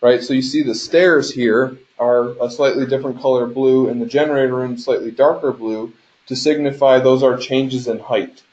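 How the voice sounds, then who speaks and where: A mellow-voiced man in the mid range teaches game design in a steady tone and at a moderate pace, lecturing over a shared screen. He explains as he goes, often tossing in "right?" The conference call mic makes the audio slightly dull and lo-fi.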